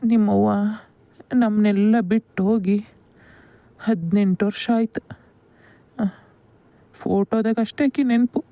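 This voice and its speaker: A woman with a mid-range, near-everyday voice speaks at a measured pace with fairly even intonation and frequent pauses. She's doing cartoon voice acting as a kind, doting middle-aged village father, coaxing and affectionate, in a North Karnataka Kannada accent. The audio is dull, lo-fi and dry, with no echo.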